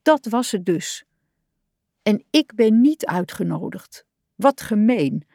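Eager storybook frog boy, quick to sulk, played by a woman reading aloud. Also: medium pitch, vocal fry, no room sound, studio quality. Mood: grumbling, sad. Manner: wondering, expressive storybook voice. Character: cheerful young male frog, eager and easily upset.

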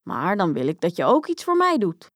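A woman voicing a small, persistent talking frog who croaks now and then and pleads eagerly, in a storybook reading. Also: medium pitch, wildly swooping pitch, normal speed, dry recording, clean studio sound. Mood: pleading.

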